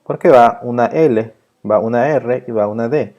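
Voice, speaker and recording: A man teaching an English grammar lesson, explaining rules patiently and repeating each example slowly. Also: mid-range voice, a little mellow, highs cut off.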